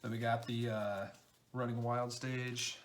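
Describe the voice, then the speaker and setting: A game designer chatting excitedly through an unboxing, halting often with fillers. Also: male voice, mid-range voice, a little hiss or hum. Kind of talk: casual unboxing chat.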